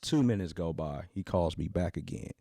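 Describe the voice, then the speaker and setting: A man co-hosting a comedy podcast, telling a story in a loose, animated way and acting out other people's lines. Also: low-pitched, normal speed, gravelly, no room sound, clean studio sound. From United States. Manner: animated storyteller, acts out voices of callers. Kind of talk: casual storytelling chat.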